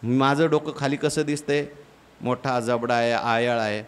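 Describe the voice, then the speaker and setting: A man's voice: medium pitch, steady tone, measured pace, smooth, natural voice. A man voicing a wise male lion who patiently coaxes a lost cub, inside a sermon story. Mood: coaxing. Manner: persuasive, coaxing.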